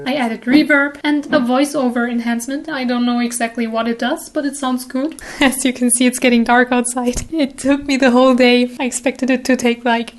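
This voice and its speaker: A woman animator giving a casual voice-over walkthrough of her work, chatty and self-deprecating with quick laughs. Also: high-pitched, steady tone. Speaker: animator and video creator.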